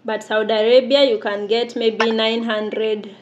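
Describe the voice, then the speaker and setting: A woman's voice: fairly high pitch, little pitch movement, unhurried, dull audio. A woman in her thirties, giving an interview as a domestic worker, earnest and given to laughing. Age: 30s. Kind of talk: casual interview. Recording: noisy background.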